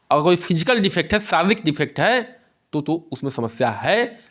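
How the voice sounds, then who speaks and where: A man's voice: a little high, a bit bright. A man giving an exam-prep lecture and explaining things with a lot of repetition, often asking "theek hai". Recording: dull lo-fi sound.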